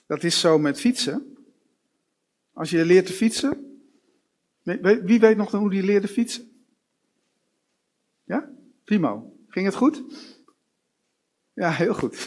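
A man preaching a sermon, working through long runs of short rhetorical questions. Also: high voice. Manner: slow, with repeated rhetorical questions.

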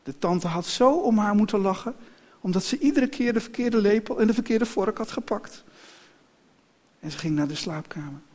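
A man reading a children's story aloud in an expressive storytelling manner. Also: high-pitched, moderate pace.

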